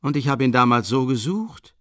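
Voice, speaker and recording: A man voicing a cynical, mocking gentleman villain with smooth irony in an audiobook reading. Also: mid-range voice, expressive, normal speed, dry recording, studio quality, pitched above the performer's own voice, lightly acted.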